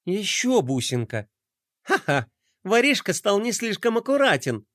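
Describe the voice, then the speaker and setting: A man's voice: high-pitched, big pitch swings, measured pace, a bit bright, dry recording, clean studio sound, pitched above the performer's own voice, full character voice. A man voicing a brave, bossy little girl in a children's story, giving eager commands. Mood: commanding.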